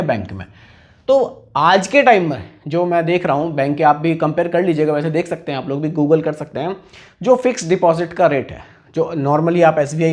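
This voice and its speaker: A man giving a casual explainer on investments, talking conversationally and often checking in with the listener. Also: a little high. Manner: conversational, repeats "theek hai" and "bhai" often. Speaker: personal finance explainer.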